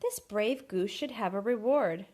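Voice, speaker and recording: A woman's voice: medium pitch, expressive, a little slow, a little mellow. Agreeable storybook mayor, read by a woman. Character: genial male town mayor.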